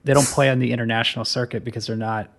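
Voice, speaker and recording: A man from the United States co-hosting a casual film podcast, talking through a movie and slipping into deadpan jokes. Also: mid-range voice, racing, creaky, crowd noise. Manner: joking, deadpan bits. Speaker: podcast co-host.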